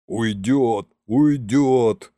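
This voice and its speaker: A man plays a loyal male general who goes from anxious whispers to barked orders. The voice is warm and mellow with a lively, swinging pitch. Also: moderate pace, dry recording. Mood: urgent. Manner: urgent, bursts into shouts.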